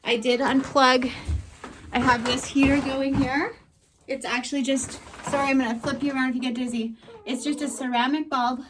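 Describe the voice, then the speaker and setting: A woman's voice: high-pitched, little pitch movement, normal speed, noisy background. A woman homesteader talking casually to her camera while doing chores outdoors in the cold. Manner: chatty, talks while doing chores, laughs and sighs. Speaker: homesteader vlogger. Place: outdoors and in a chicken coop on a farm in extreme cold.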